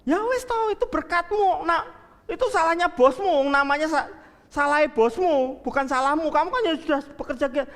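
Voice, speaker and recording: A man voicing a fussy, protective older sister who scolds in a loud, high voice. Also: normal speed, in a large hall. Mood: scolding. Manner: insistent, high-pitched scolding.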